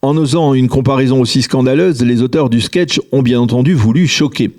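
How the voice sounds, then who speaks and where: A man presenting a scripted news commentary in a measured, editorial reading. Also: mid-range voice, darkish tone.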